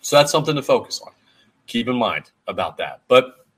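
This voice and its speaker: A man hosting a solo sports podcast, talking energetically and casually with frequent fillers, his voice a bit hoarse. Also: medium pitch, expressive, brisk. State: hoarse, voice going. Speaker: podcast host.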